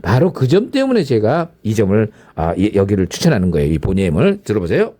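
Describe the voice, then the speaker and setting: A man's voice: fairly low pitch, huge pitch swings, fairly quick, mellow. A man hosting an audio channel, talking casually and enthusiastically about records and sound quality. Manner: enthusiastic, emphatic.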